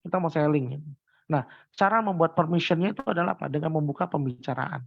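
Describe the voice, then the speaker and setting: A man giving sales training on a video call, lively and acting out sales pitches with big changes in intonation. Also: quick pace, vocal fry, no room sound. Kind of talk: online sales training talk. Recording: dull lo-fi video call audio.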